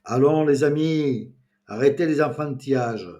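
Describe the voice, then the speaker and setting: A man's voice: medium pitch, unhurried, warm tone, muffled recording, pitched above the performer's own voice, natural voice. A man voicing a bossy, teasing small-town mayor chairing a meeting.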